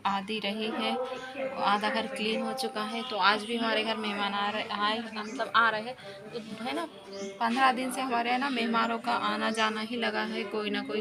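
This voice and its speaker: A woman talking casually to her viewers in a home vlog, chatty and pleading for likes. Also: fairly high pitch. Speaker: vlogger.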